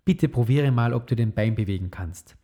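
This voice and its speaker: A man reading the lines of a kind, careful father in a storybook, gentle and reassuring. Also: mid-range voice, lively intonation, normal speed.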